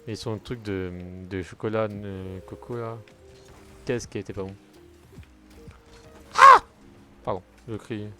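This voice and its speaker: A man's voice: on the low side, fairly even intonation, moderate pace, darkish tone, faint music behind. A young man chatting casually while streaming a car football game, rambling from topic to topic and swearing when plays go wrong. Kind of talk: casual gaming commentary.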